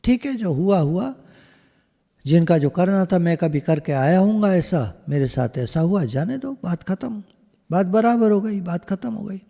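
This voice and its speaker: A man giving a spiritual discourse over a video call, slow and emphatic, often slipping into English phrases. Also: sits high, expressive, vocal fry, mellow, in a large hall. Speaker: satsang speaker.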